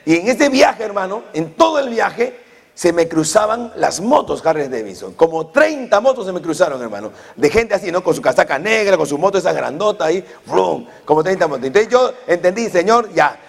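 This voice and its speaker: A man's voice: high-pitched, big pitch swings, moderate pace, creaky. A man in his forties preaching a fervent sermon as pastor, punctuating his points with amen and hallelujah. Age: 40s. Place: church hall. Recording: long reverb of a church hall.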